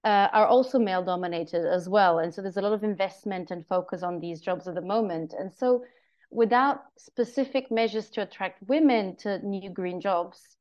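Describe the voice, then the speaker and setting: A woman's voice: mid-range voice, moderate pace, a little mellow, highs cut off. A woman researcher answering interview questions on a podcast, explaining carefully with frequent ums and uhs. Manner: careful, explanatory, many um and uh fillers. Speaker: guest researcher.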